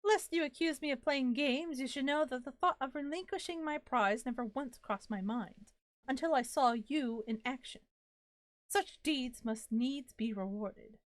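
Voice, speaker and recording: A woman's voice: sits high, measured pace, dry recording. A woman reading aloud the lines of a mysterious disembodied voice from a game, in ornate, old-fashioned, theatrical phrasing. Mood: courtly. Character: grandiose mysterious disembodied voice, courtly.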